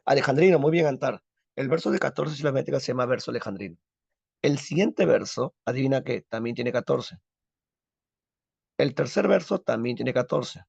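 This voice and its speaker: A man's voice: mid-range voice, animated, moderate pace, vocal fry, darkish tone, husky, no echo. A man teaching a literature class, who drills the students with questions and answers them himself. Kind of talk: recorded class lesson. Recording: dull lo-fi, dry.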